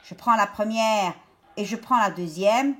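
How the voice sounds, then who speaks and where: A woman teacher talking young pupils through a worksheet step by step, stretching out each word slowly. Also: mid-range voice, fairly bright tone. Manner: slow, step-by-step, drawn-out words for young pupils. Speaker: primary school teacher. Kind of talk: remote lesson explaining a worksheet.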